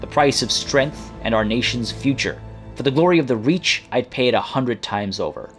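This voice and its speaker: A man's voice: mid-range voice, animated, normal speed, close to an everyday voice. A man voicing a cruel young noblewoman villain from a video game, with menacing, grandiose, sneering delivery. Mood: haughty. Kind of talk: video game dialogue read aloud. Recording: music playing behind.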